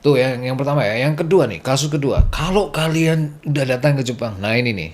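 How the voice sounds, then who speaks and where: A man's voice: mid-range voice, animated, a little fast. Chatty man giving casual language tips. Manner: chatty, slips into playful gruff Japanese impressions. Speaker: Japanese language tips vlogger. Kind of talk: casual spoken lesson.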